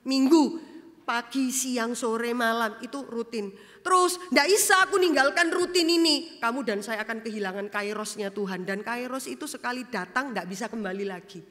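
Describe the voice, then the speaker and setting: Woman pastor, fairly high voice, lively sermon delivery, reverberant church hall. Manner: animated storytelling, acts out quoted dialogue; swings between loud emphasis and soft low asides. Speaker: vicar preaching.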